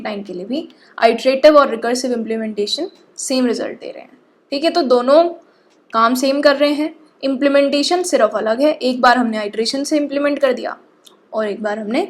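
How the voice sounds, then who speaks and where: A woman with a high voice gives a coding lecture. She walks through each step patiently and keeps checking that her listeners follow along. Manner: explains patiently, often checks in with "ठीक है". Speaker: programming teacher.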